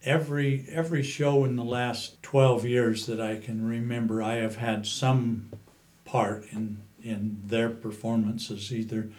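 A man in his seventies with a Western American accent, reminiscing in an interview in a halting, unhurried way. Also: medium pitch, flat delivery, darkish tone. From Utah, USA. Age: 70s. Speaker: interview guest, cowboy poet.

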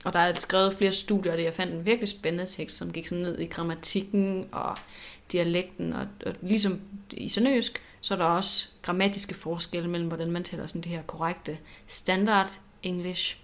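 Animated woman podcast co-host. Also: on the low side, vocal fry. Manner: animated, reflective, repeats words while thinking. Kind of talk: casual podcast chat.

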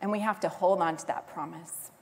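A woman's voice: fairly low pitch, steady tone, brisk. Earnest woman preaching in a reverberant hall. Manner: earnest, storytelling, emphatic. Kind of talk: sermon.

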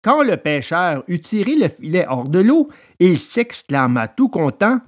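A man narrating a children's story in an expressive, dramatic storytelling manner. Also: sits high, a little slow.

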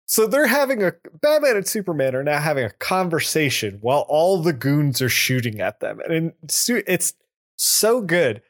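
A man's voice: fairly high pitch, sing-song, normal speed. A man co-hosting a podcast, casually recapping a comic book, laughing often and acting out the characters' lines. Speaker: podcast co-host.

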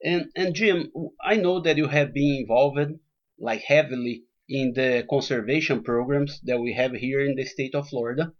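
A man's voice: medium pitch, moderate pace. Welcoming male podcast host, slightly dull audio. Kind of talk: conversational interview.

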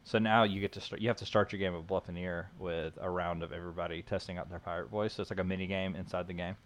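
Chatty low-voiced man podcasting. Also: steady tone, fast. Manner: chatty, lots of likes and fillers. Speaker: podcast host. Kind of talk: casual board game podcast chat.

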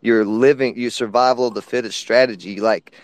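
Dude giving laid-back advice in a chat, dry close mic. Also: male voice, mid-range voice, steady tone, brisk, no room sound. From East Tennessee. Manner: laid-back, preachy at times. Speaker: guest. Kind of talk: casual chat.

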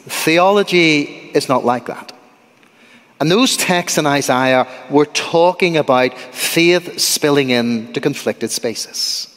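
A middle-aged man from Ireland with an Irish accent, preaching a sermon in a church with lively, humorous asides to the congregation. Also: on the high side, slow. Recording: long church reverb.

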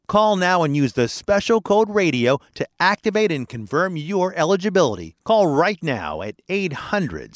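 A man's voice: high voice, dry recording, studio quality. A man reading a scripted radio promo as an urgent, emphatic announcer.

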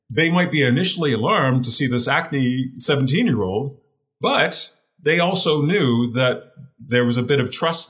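A middle-aged man with a deeper voice and a fairly bright tone tells his career story as an interview guest. He's earnest and often repeats words while he hunts for the right phrasing.

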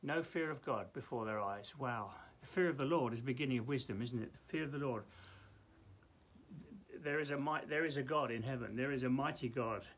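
A man preaching informally in a loft, teaching from the Bible in a halting, exclamatory way and repeating himself as he goes. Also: mid-range voice, fairly bright tone, slightly rough.

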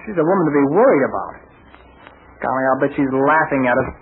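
An actor playing an earnest, self-blaming young American adventurer in a boyish 1940s radio serial style. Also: male voice, mid-range voice, animated, fast talker, lightly acted. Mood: self-reproachful. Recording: tinny, noisy 1940s radio recording.

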